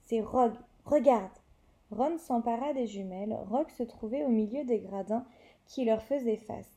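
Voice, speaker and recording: Warm-voiced woman reading a novel aloud. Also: a little high, normal speed. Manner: occasional slips and self-corrections. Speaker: reader.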